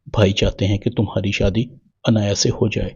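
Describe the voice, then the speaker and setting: Loyal younger brother, read by a guy, low voice, dull recording. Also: flat delivery, darkish tone, breathy edge. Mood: plain.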